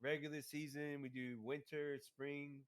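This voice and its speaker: A man trading crypto on a live stream, hyped and profane, breaking into excited exclamations. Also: fairly high pitch, unhurried. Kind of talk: casual chat on a live stream.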